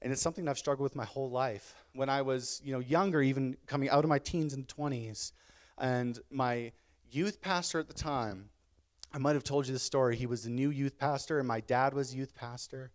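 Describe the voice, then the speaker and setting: A man's voice: mid-range voice, a little fast. A man in his thirties, a pastor preaching a sermon in his church, telling personal stories candidly and building to emphatic bursts. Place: church sanctuary.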